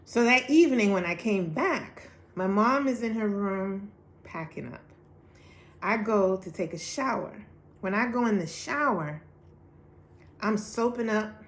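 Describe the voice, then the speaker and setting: An earnest woman recounts her personal testimony with animated storytelling. She speaks at a middle pitch, slipping into acted-out quotes along the way. The room around her carries a noticeable echo. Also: unhurried. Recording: echoey room.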